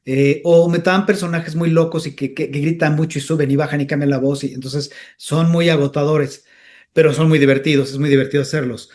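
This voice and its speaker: A man chats as a guest in a relaxed interview. He tells stories with lively energy and now and then dips into character voices. His voice sits a touch higher than most men's. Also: a little fast. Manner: animated storyteller who slips into character voices. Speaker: comedian and voice actor, guest. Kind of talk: casual interview chat.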